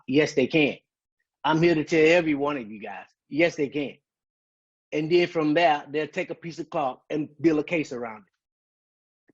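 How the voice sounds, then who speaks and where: A man's voice: fairly high pitch, breathy edge, highs cut off. Earnest man telling his story. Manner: earnest, emotional, quotes dialogue. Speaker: guest speaker. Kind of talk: personal testimony, storytelling.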